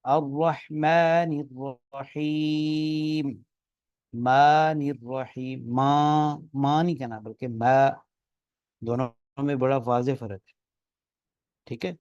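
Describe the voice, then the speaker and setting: A man's voice: medium pitch, a little mellow, no room sound, muffled recording. A man teaching the rules of Quran recitation in a classroom lecture, explaining step by step and chanting examples aloud to show correct and wrong pronunciation. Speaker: tajweed teacher.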